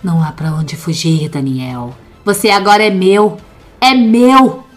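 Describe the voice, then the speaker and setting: A woman voicing a vengeful undead female demon, hoarse and guttural, snarling threats in a horror audio story. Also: medium pitch, steady tone, measured pace, soft background music, lightly acted. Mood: menacing. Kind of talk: dramatic audio-story reading.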